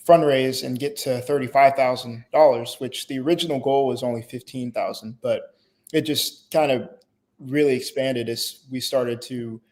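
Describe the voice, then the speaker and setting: A man's voice: mid-range voice, fairly even intonation, normal speed, a little mellow. A young man in his late teens, born in Haiti, answering interview questions in a hesitant way with fillers and restarts. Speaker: guest.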